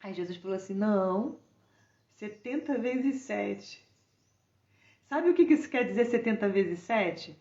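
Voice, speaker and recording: A woman's voice: mid-range voice, animated, fairly quick, few pauses, dark tone, reverberant, lo-fi sound. A Brazilian woman and mother giving an informal, conversational sermon, asking listeners rhetorical questions. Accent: Brazilian Portuguese. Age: adult mother.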